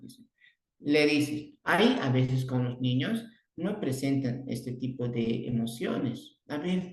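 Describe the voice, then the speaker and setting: Man, Bolivian Spanish accent, speech therapy lecture, halting repetitions, echoey room. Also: gravelly, darkish tone. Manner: repeats and restarts words, acts out children's emotions with sudden high exclamations. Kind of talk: online class lecture.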